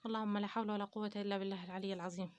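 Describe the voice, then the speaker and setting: A woman's voice: mid-range voice, level tone, rapid-fire, a little mellow. A woman from Upper Egypt with an Upper Egyptian Arabic accent, hosting a casual home vlog about keeping poultry. She talks to viewers directly, gives advice and uses many pious phrases. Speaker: poultry-keeping channel host.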